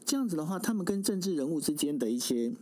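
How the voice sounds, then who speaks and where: Animated male interviewer with Taiwanese Mandarin accent. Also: fairly high pitch, fast talker. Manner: wordy, explanatory, often checks for agreement. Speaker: interviewer, host. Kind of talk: conversational political interview.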